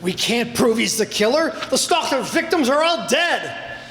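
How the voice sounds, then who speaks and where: A man's voice: very high voice, very animated, a little slow, a bit bright, slight background noise, full character voice. A man acting as a blustery, exasperated police inspector in an old-time radio mystery, bossy and emphatic. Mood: excited, blustery. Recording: echoey hall stage recording.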